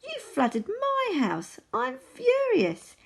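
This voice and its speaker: A woman voicing tiny, angry woodland animals in very high, squeaky voices during a storybook reading. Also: wildly swooping pitch, very slow, full character voice.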